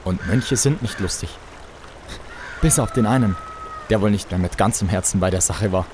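An actor playing a courteous, world-weary knight with a dry, measured manner in an audio drama. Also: male voice, fairly low pitch, background noise, natural voice. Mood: disgruntled, dry. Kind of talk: scripted audio drama acting.

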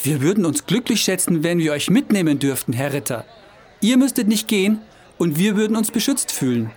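Man as brash, lively travelling showman. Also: high voice, brisk. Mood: eager, flattering. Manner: theatrical, cajoling, glib. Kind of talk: scripted audio drama acting.

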